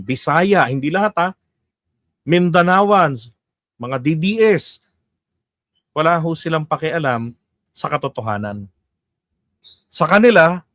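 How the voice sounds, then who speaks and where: A high-voiced middle-aged man from the Philippines runs his own commentary show. He talks in a loose, chatty way, laughs often and keeps asking his listeners to agree. The recording is dry and close, with no room sound. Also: a bit bright, no room sound. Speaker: political commentary host. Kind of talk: casual political commentary.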